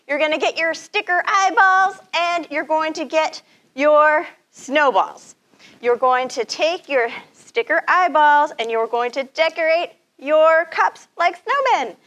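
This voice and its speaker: A woman's voice: sits high, a bit bright. A woman hosting a kids' activity show, giving step-by-step game instructions in an upbeat, encouraging way. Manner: upbeat, encouraging, addresses children directly. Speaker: children's activity host.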